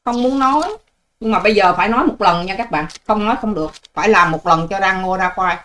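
A woman's voice: medium pitch, fast, fairly bright tone. An older woman, hosting her own channel in a combative, scolding and sarcastic vlog rant to her viewers. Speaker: online channel host. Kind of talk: ranting vlog monologue to viewers.

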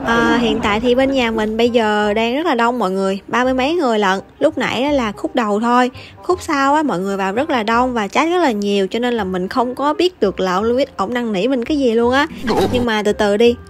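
A woman's voice: a little high, brisk. Chatty young woman. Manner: chatty, teasing, laughs often. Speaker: gaming YouTuber. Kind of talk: casual gameplay commentary. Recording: voice over loud background music.

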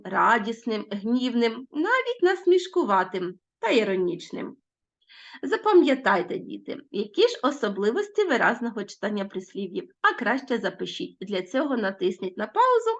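A woman teacher giving a recorded lesson to children, reading proverbs aloud with expressive, lilting emphasis. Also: fairly high pitch, dull audio.

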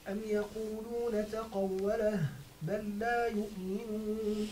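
Man slowly chanting Quran verses. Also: sits high, flat delivery, mellow, a little hiss or hum, low-quality recording. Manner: slow drawn-out chanting. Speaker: student reciter. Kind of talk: Quranic recitation.

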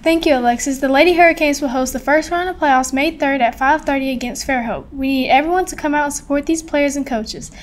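Very high-voiced young woman reading school sports. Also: fairly quick, few pauses, a little hiss or hum. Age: teens to young adult, high school student. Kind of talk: scripted sports announcements. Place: small studio at a desk. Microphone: desktop microphone.

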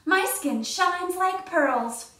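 A woman's voice: extremely high pitch, lively intonation, very slow, fairly bright tone, roomy sound, recorded from a distance, pitched above the performer's own voice, heavily acted. A woman reading a picture book aloud, voicing a vain, boastful little girl in a red cape. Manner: boastful, self-admiring.

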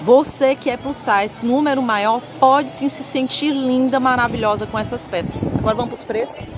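In a shopping vlog set at a lingerie stall inside a market, the presenter greets viewers as friends and promotes items with enthusiastic, chatty flair. She has a Northeastern Brazilian accent and a slightly high voice at normal speed, with music in the background.

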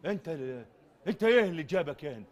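A man's voice: a little high, big pitch swings, very fast. A man with an Egyptian accent playing a weary, jumpy street sweeper in a comedy sketch. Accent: Egyptian Arabic. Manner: complaining, nervous, absurd.

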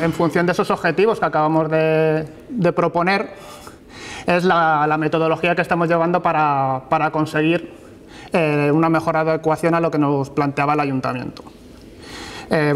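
A man gives a university seminar talk, stopping and repeating words as he finds his phrasing. His voice sits a little high for a man and stays fairly flat. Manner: halting, repeats words while searching for phrasing. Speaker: university lecturer presenting research. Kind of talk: academic conference talk. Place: lecture hall with projected slides.

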